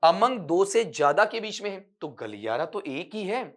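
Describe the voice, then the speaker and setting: Teacher with slightly high voice. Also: male voice, sing-song, normal speed, a bit bright. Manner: explains step by step, asks questions and answers them; addresses students as beta. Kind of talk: exam-prep lecture.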